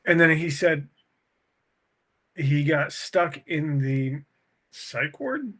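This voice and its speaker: A man's voice: a little high, animated, drawn-out words, fairly bright tone. A man co-hosting a podcast in casual chat, rambling and swearing, prone to tangents. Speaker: podcast co-host.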